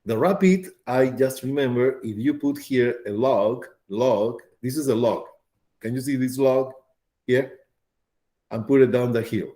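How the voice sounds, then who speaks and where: Mellow-voiced man lecturing a class. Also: medium pitch, measured pace. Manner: repetitive, checks in with students often. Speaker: pharmacology lecturer.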